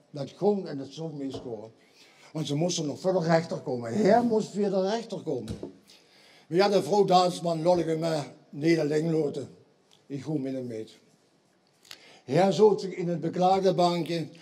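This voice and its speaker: A man's voice: a little high, dark tone, husky. A man with a Limburgish accent performing a carnival joke routine, acting out the characters in his jokes. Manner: tells punchline jokes, acting out quoted voices. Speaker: carnival stand-up comedian.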